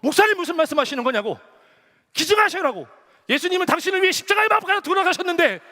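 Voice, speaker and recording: An indignant church elder, loud and reproachful, his voice high and pushed, as a male preacher acts him out. He scolds with rising force in a sermon story. The sound echoes through a church hall. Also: animated, fast talker, full character voice. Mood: scolding.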